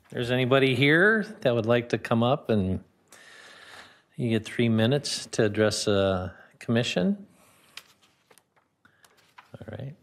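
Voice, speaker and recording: Man, mid pitch, chairs a council-chamber meeting, plain procedural delivery with small halts. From Minnesota. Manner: plain, procedural, slightly halting.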